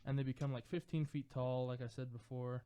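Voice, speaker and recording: A young man co-hosting a podcast talks in a loose, rambling way, full of "like" and restarts. His voice has a mellow, darker tone. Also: mid-range voice, flat delivery, a little fast, smooth. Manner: rambling, many fillers like "like". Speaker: podcast co-host. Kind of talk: casual chat.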